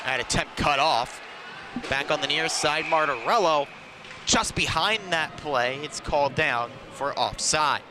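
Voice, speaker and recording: A man calls a live ice hockey game in clipped phrases that track the play, his voice on the high side and his pace unhurried. Noisy rink ambience surrounds the mic.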